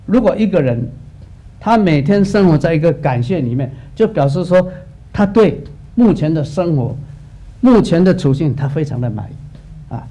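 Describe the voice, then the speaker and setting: A middle-aged male pastor preaching a sermon, telling lively stories and acting out the dialogues. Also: a little high, moderate pace.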